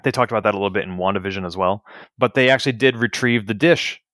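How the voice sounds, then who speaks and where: Brief: male podcast co-host, low voice, dry close mic, opinionated, analytical, casual. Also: fast, fairly bright tone, no echo. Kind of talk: casual chat.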